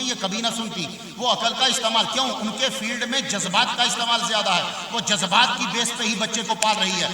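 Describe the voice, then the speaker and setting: High, bright-voiced preacher in an echoing hall. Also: male voice. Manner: emphatic, asks the audience questions and answers them; rises to loud, forceful bursts. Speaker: religious scholar giving a speech. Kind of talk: Urdu religious sermon to a live audience. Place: large hall at a community event. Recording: echoey hall, voice from far off.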